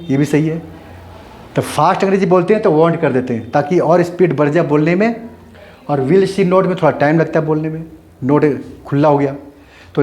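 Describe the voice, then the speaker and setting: A man's voice: fairly high pitch, a little mellow. A man teaching an English grammar lesson, explaining each rule step by step and repeating key points as he writes. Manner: repetitive, explains step by step while writing. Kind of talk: Hindi-medium grammar lesson.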